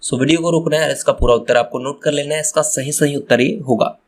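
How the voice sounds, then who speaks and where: A man's voice: on the high side, fast. Man teaching an exam walkthrough to kids. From Madhya Pradesh, India. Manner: repeats phrases, addresses children directly, restarts words. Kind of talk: exam answer walkthrough lesson.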